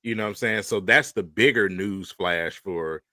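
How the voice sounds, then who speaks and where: Deep, forceful male sports panelist. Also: moderate pace, dry recording. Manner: emphatic, repeats points for stress. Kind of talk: casual sports roundtable chat.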